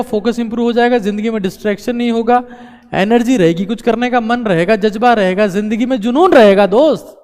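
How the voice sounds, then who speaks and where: High-voiced man exhorting viewers. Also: darkish tone. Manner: exhorting, repeats key phrases, mixes in English. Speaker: motivational speaker. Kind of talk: motivational talk to viewers. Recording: long reverberant echo.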